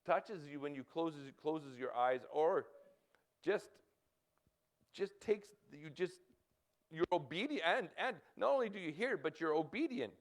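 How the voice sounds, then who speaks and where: Fifties male pastor, Canadian accent, high and animated delivery, halting and urgent. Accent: Canadian English. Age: 50s. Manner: halting, repeats words, urgent exhortations. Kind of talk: sermon.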